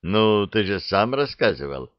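A man's voice: fairly low pitch, very animated, a little slow, no room sound. A man voicing a stern, commanding young prince who speaks in curt orders, on a dry, dull recording.

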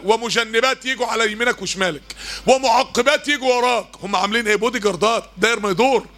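Fast, bright-voiced Egyptian preacher. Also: male voice, sits high. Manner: animated, rhetorical questions, emphatic repetition. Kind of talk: mosque lesson in colloquial Egyptian Arabic. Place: mosque.

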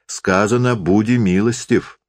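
A man reading a story voices a gentle, humble old nun. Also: on the low side, a little slow, natural voice.

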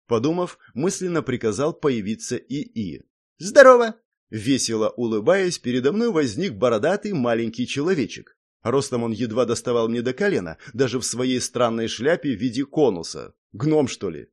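A man reading a first-person audiobook in a steady, matter-of-fact way, with wry asides. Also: mid-range voice, moderate pace, husky. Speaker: audiobook narrator.

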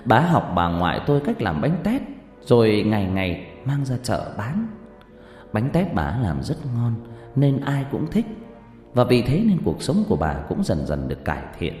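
Man telling a ghost story, very animated. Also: moderate pace. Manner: theatrical, swinging pitch and loudness. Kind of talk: dramatic ghost story narration. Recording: roomy reverb, faint music behind.

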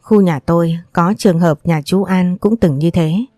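Low, mellow woman narrating a story. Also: normal speed, no room sound, clean studio sound, soft background music. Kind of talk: first-person audiobook narration.

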